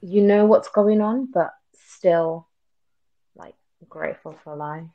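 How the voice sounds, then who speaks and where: A young woman from South Sudan co-hosting a podcast from the UK, speaking in a thoughtful, unhurried, soft-spoken way. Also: on the low side, highs cut off. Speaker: podcast co-host. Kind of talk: casual podcast chat. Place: home in the UK, remote call.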